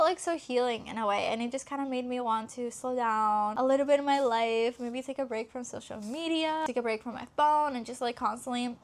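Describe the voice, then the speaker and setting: A young woman from Greece talks through her latest reads in a casual vlog. Her voice sits a touch high, and she pads her sentences with easy filler words. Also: a bit bright. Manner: chatty, lots of filler words. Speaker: book vlogger. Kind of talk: casual book review vlog.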